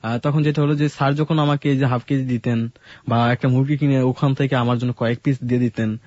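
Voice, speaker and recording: A man telling his life story in a casual radio conversation, halting, with many fillers and restarts. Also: medium pitch, fairly even intonation, a little mellow, dry recording. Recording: dull lo-fi radio studio sound.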